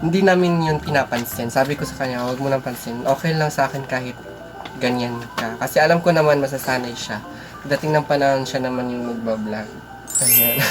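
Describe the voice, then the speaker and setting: A woman hosting a casual couple vlog, teasing her partner and laughing often. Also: extremely low pitch. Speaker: couple vlogger, host. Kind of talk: casual vlog chat with viewers. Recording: loud background music.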